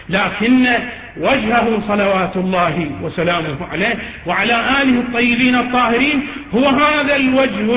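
High-voiced male cleric preaching. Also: slight background noise. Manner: emphatic, rising into chanted, wailing supplication. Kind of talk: sermon. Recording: echoey hall on a tinny, lo-fi recording.

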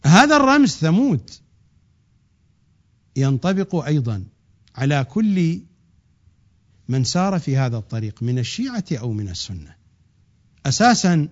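A man giving a religious lecture, swinging from loud drawn-out emphasis to quick low asides. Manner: rising to emphatic peaks, then dropping low and rushing; draws out key words slowly. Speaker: preacher. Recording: dull lo-fi recording.

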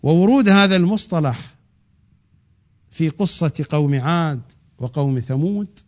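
A man giving a religious lecture, swinging from loud drawn-out emphasis to quick low asides. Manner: rising to emphatic peaks, then dropping low and rushing; draws out key words slowly. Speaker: preacher. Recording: dull lo-fi recording.

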